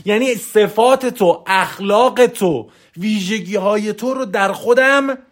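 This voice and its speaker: In a voice message, a high-voiced man gives a motivational coaching talk. He's emphatic and preachy, driving his points home through repetition.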